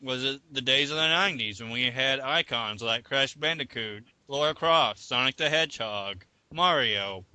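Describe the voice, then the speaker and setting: A man's voice: mid-range voice, normal speed, few pauses, pushed and bright, clean tone, dry recording. A man hosting a gaming podcast, joking with friends and posing discussion questions. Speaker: podcast host. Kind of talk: casual chat.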